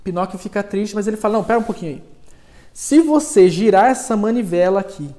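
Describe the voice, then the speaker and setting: A man, a psychologist, retelling a story in a live class, speaking the characters' lines in a livelier, higher voice. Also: fast talker, mellow. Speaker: psychologist and lecturer. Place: cold room in a lecture setting.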